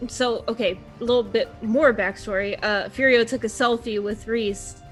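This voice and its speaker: A woman chatting casually as a tabletop game player, explaining haltingly. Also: a little high, fairly even intonation, faint music behind.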